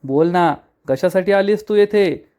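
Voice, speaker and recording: A man's voice: sits high, unhurried, dark tone, clear, resonant tone. A man voicing a scolding sister-in-law. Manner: taunting, scolding. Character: sharp-tongued scolding woman, sister-in-law.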